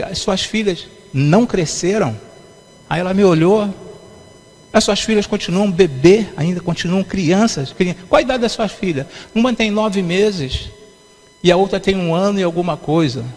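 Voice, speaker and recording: This is a pastor delivering a sermon, and his voice sits a little high for a man. He tells his stories with many repetitions and plays out both sides of each conversation. A long church reverb trails every phrase. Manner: repetitive storytelling, acts out dialogue. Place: church sanctuary.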